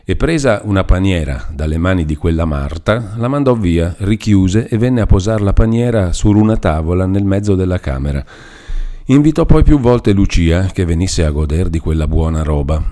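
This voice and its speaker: Man, low voice, warm dark tone, expressive narration, audiobook. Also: moderate pace. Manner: expressive storytelling. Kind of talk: scripted narration of a classic novel.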